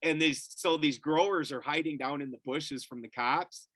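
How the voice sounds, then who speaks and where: Bright, profane middle-aged storyteller man. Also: a little high, normal speed, no room sound. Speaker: podcast guest. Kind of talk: casual storytelling.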